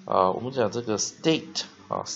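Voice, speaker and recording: Gravelly lo-fi man teaching spelling. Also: lowish voice, wildly swooping pitch, fairly bright tone. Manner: frequent "ah" and "ha" fillers, slow drawn-out modeling of words. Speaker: English teacher. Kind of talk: spelling and pronunciation lesson. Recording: dull lo-fi recording.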